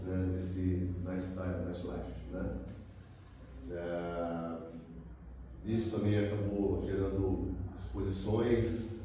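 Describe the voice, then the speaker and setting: Casting: middle-aged Paulista guy, dark mellow tone, rambling talk, far mic in a boomy room. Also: a little hiss or hum. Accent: Paulista Brazilian Portuguese. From São Paulo, Brazil. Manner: relaxed, rambling, many fillers. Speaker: guest photographer. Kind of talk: casual talk at a club meeting. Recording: distant mic in echoey room.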